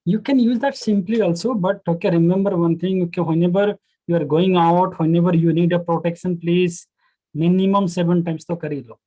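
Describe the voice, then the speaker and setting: A woman's voice: on the low side, steady tone, a little fast, dark tone, poor audio. A woman with a North Indian accent teaching a class, answering questions in a reassuring, instructive way and mixing two languages. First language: Hindi. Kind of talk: answering students in Hindi-English mix. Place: online group class call.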